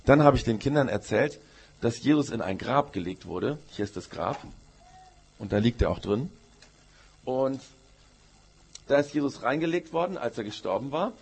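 A man tells a story to the children during a church service. He talks to them directly and keeps asking questions. His voice is husky at a middle pitch. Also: darkish tone. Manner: storytelling to children, asks questions, uses "gell". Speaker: pastor.

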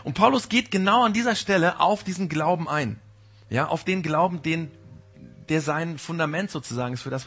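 A man preaching a sermon, speaking directly and informally to the congregation and sometimes acting out a gentle inner voice that warns. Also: on the high side, gravelly, husky. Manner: mimics the Holy Spirit's gentle warning. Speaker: pastor.

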